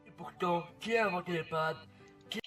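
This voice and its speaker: A teenage boy talks eagerly to his viewers in an old YouTube video. His voice is fairly high and sounds set back from the mic, with music playing behind him. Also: normal speed, a bit bright, far from the mic. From Belgium. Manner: eager, chatty, addressing viewers.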